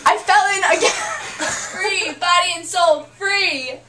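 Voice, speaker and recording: A woman's voice: extremely high pitch, slow, background noise. A young woman playing a giddy freed young wife. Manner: giddy, laughing, exclaiming. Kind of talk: amateur skit acting. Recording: echoey room from far off.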